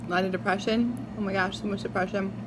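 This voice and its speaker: Female mukbang vlogger, mid-range voice, talks while eating; confessional, pausing, reflective; noticeably noisy recording. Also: mid-range voice, fairly even intonation. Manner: chewing and eating while talking; reflective, halting, with drawn-out words and pauses. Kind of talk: casual confessional chat to viewers. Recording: clearly noisy background.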